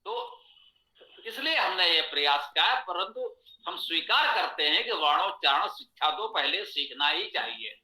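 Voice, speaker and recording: A male teacher with a high, bright voice gives a Sanskrit lesson at an unhurried pace. He explains patiently, repeating each point. The sound carries an echo from the room. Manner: slow, patient explaining with repetition. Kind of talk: online lesson lecture.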